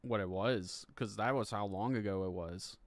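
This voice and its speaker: A man in his thirties chats casually on a live stream from a room at home, rambling, swearing, and laughing between lines. He stumbles while reading legal text aloud. His voice is fairly low, at a normal pace, in a dry recording.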